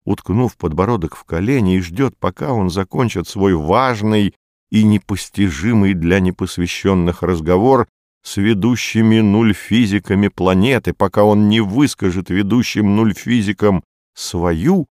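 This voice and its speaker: A man narrating a novel as an audiobook in a measured, even way. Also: on the low side, no room sound, clean studio sound.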